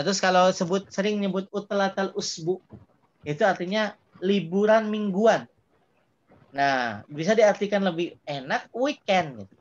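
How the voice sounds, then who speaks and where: A man teaching an Arabic dialogue lesson in a relaxed, chatty way, often ending phrases with casual fillers. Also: high-pitched. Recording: muffled lo-fi sound with faint background hiss.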